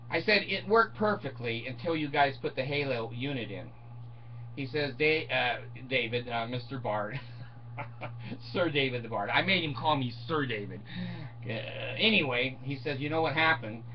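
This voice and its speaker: A man's voice: medium pitch, a little slow, long pauses. An older man telling a story in a casual, sarcastic rant at home, laughing often as he talks. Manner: laughs often, animated and sarcastic, mimics others. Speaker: vlogger. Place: small room at home, indoors. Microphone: webcam in front of him. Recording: dull distant webcam sound with faint hiss.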